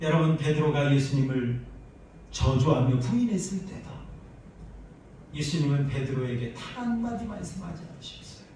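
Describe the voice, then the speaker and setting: High-voiced pastor preaching in an echoey church. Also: male voice, animated, normal speed, a little hiss or hum. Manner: impassioned preaching, swinging from loud cries to hushed tones. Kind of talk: sermon. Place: church sanctuary. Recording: echoey church sound from a distant mic.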